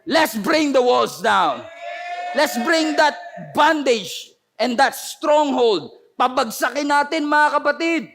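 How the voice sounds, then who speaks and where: A man preaching a fervent sermon in a high voice that has gone hoarse. He slides between Tagalog and English and pushes his delivery into emphatic bursts as he speaks to viewers online. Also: animated, slow, noisy background. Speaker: pastor. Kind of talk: impassioned sermon.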